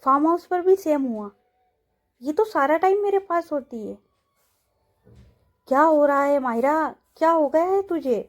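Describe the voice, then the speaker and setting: A woman's voice: high voice, lively intonation, measured pace, pauses often, faint music behind, pitched above the performer's own voice. A woman voicing a young woman office boss who mutters anxious questions to herself. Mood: troubled. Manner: muttering to herself in inner monologue.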